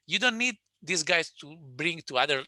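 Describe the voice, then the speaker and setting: A man with an Italian accent presenting a business webinar and taking questions, speaking in a halting way with frequent restarts and fillers. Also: on the high side, lively intonation, sharp tone, no echo.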